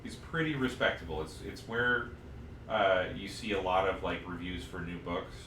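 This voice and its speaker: A man co-hosts a podcast recorded on a live stream, chatting in a loose, informal, casual way. His voice is deep, bright and forceful at a moderate pace, picked up from a distance in an untreated, echoey room with noticeable background noise.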